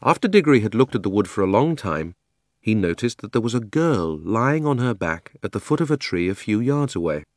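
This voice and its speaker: Male audiobook narrator, gentle and unhurried, lively intonation, dry close sound. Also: lowish voice, no room sound. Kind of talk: storybook reading.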